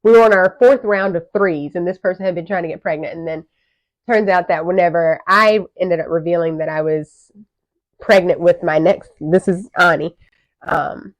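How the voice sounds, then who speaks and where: A woman in her thirties, co-hosting a podcast and telling a personal story in a candid, animated way. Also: lowish voice, moderate pace. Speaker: podcast co-host. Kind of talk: casual chat. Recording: muffled lo-fi audio.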